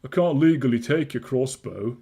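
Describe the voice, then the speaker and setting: A man playing an earnest, naively inquisitive adventurer in a fantasy video game, with probing, deliberate delivery. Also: medium pitch, lively intonation, warm tone, breathy edge.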